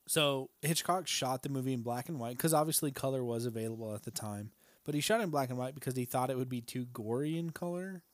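Male podcast co-host, relaxed and profane, talks in a dry, close sound, mid-pitched. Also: fairly quick, no echo. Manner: laid-back, swears often, says "dude" a lot; laughs often between remarks. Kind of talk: casual film-discussion chat.

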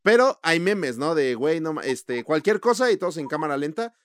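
A young man with a Mexican Spanish accent co-hosting a casual movie chat, slangy and animated, acting out quoted reactions. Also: fairly high pitch, brisk, no room sound, clean studio sound. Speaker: podcast co-host.

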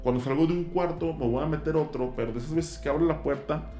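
A man's voice: fairly high pitch, fast, mellow, roomy sound, faint music behind. A man with a Mexican accent, a guest telling stories in a casual chat, slangy and loose, dropping "güey" constantly. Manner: slangy, peppers speech with "güey". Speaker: guest, zombie walk organizer.

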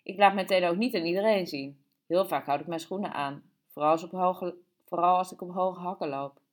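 A woman's voice: fairly low pitch, a little fast, lightly acted. A woman voicing a flamboyant, vain and chatty grown woman who talks in a playful, showy way for an audiobook. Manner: playful, showing off.

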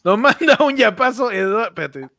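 A man's voice: very high voice, animated, a little fast, vocal fry, bright, forceful tone, no room sound. A man with a Peruvian accent hosting a casual comedic chat, joking and slangy as he reads listener messages. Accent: Peruvian Spanish.

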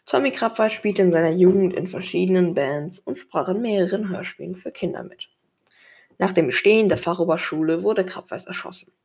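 Gravelly reader presenting a book. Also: medium pitch. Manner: plain reading with occasional slips. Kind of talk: read-aloud book presentation.

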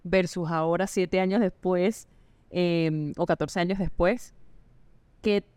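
A woman's voice: on the low side, fairly even intonation, slow, a little mellow, smooth, no echo. A woman hosting a podcast, asking long, reflective questions in casual conversation. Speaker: podcast host. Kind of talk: casual interview.

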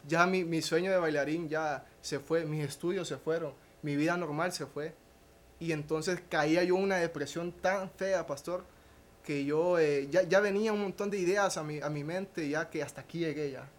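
This young podcast guest tells a personal testimony in a halting manner, restarting lines and tagging phrase endings with a question. His voice sits on the high side.

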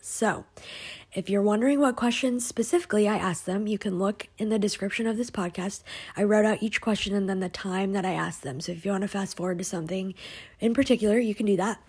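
A young woman hosts a casual podcast in a bright, chatty way, dropping fillers as she goes. Her voice sits in an ordinary middle pitch, with a slightly husky, breathy edge to it. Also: fast. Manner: upbeat, chatty, with frequent fillers. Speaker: podcast host.

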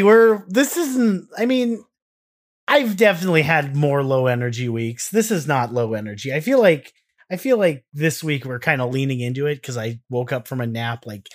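A man's voice: medium pitch, normal speed. A man co-hosting a podcast, chatting casually in a rambling, self-interrupting, jokey way. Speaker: podcast co-host. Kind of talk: casual chat.

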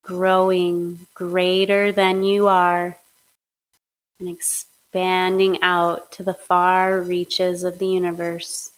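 A woman leading a guided hypnosis meditation in a slow, soothing, steady way. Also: on the low side, low-quality recording. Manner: slow, soothing, monotone guidance.

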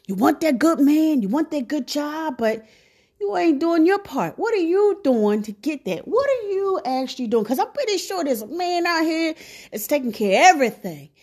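Woman, casual vlog rant, blunt and sassy, high lively voice. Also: moderate pace. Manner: sassy, blunt, preachy with slang. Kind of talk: casual monologue to viewers.

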